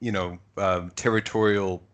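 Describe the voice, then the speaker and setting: A man's voice: low-pitched, steady tone, normal speed, fairly bright tone. A man hosting a podcast, giving short agreeing replies and chatting casually. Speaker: podcast host. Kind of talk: casual interview chat.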